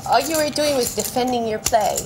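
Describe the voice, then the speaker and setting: A woman's voice: on the high side, brisk, background noise. A woman poker player talking about her game in a playful, confident way. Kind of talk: player interview.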